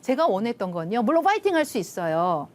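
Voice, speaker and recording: Animated Korean woman lecturer, lively pitch. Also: quick pace. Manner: animated storytelling, acts out quoted lines; drops to soft hushed tones at tender moments. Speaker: lecturer, love institute director. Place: TV studio.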